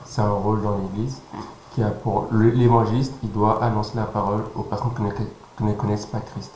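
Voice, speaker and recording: A man in his thirties from French Guiana, speaking in a fairly low voice. He answers calmly, halting often with fillers as he thinks. The recording sounds roomy, with faint noise underneath. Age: 30s. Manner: calm, halting, with many pauses and fillers. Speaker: interview guest. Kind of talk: casual interview.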